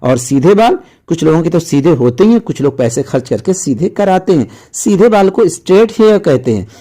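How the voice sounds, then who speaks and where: A man's voice: a little high, very animated, a little fast, dark tone. A man teaching English vocabulary in Hindi, patiently repeating each word with its meaning and addressing viewers as friends. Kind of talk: explaining vocabulary lesson in Hindi.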